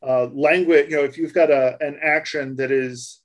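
A man's voice: fairly high pitch, steady tone, moderate pace. A man on a casual tech podcast, patiently explaining things and restarting his sentences. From United States. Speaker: co-host explaining voice tags.

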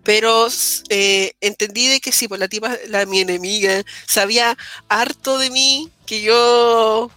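A woman's voice: fairly high pitch, steady tone, a little slow, bright, forceful tone, no room sound, soft background music. A young woman with a Chilean accent, co-hosting a podcast in casual chat, rambling through restarts and local slang. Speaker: podcast co-host.

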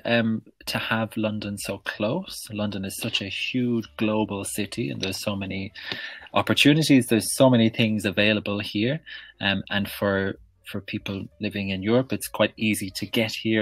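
A man in his thirties with an Irish accent, chatting casually in an interview, laughing often and filling pauses with ums. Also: on the low side, fairly bright tone, dry recording. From west of Ireland. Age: 30s. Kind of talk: casual conversation.

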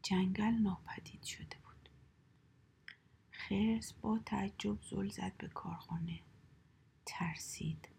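A woman's voice: mid-range voice, steady tone, creaky, pauses often, breathy edge. Whispering woman reading a children's story. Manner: soft, hushed whispering.

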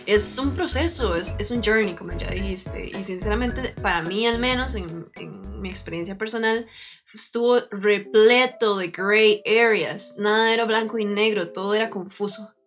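A Costa Rican woman co-hosts a podcast in an easy conversational style. She slips English words into her Spanish in natural Spanglish, with a medium-pitched voice. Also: normal speed, soft background music. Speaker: podcast co-host. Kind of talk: casual personal conversation.

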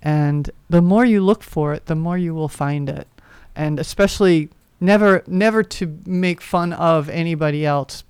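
A speaker in casual spiritual chat, reflective and thoughtful, with gentle affirmations. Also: mid-range voice, moderate pace, hardly any pauses, smooth, no echo.

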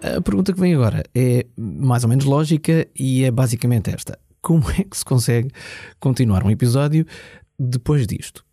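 Lively, mellow Portuguese man hosting. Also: mid-range voice, moderate pace, breathy edge, dry recording. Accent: European Portuguese. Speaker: podcast host and interviewer. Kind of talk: scripted narration and interview questions.

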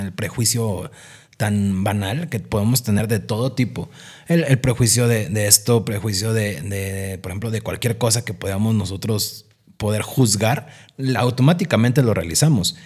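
Husky man hosting an interview. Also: fairly low pitch. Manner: soft backchannels, rambling restarts. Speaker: podcast host. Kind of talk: casual interview.

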